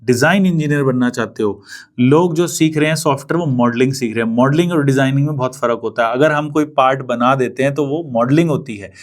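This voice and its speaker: A man's voice: mid-range voice, quick pace. A young adult man from India giving a casual classroom explanation as a trainer, mixing Hindi and English and explaining with everyday examples. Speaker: CAD trainer.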